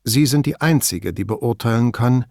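A man reading an audiobook, voicing a calm, polite middle-aged male police commissioner in a measured way. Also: medium pitch, dry recording, clean studio sound, lightly acted. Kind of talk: audiobook dialogue.

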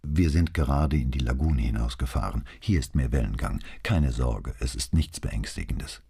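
A man reading as a calm police commissioner. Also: very deep voice, normal speed, gravelly, slightly rough, pitched below the performer's own voice, heavily acted. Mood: reassuring. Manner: calm, reassuring. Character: calm middle-aged male police commissioner.

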